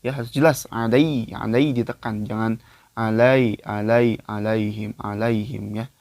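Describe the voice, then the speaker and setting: A man teaching Quran recitation in a casual spoken lesson. He explains loosely with many fillers, then chants the verses slowly and louder. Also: on the low side, fairly even intonation, gravelly, no echo.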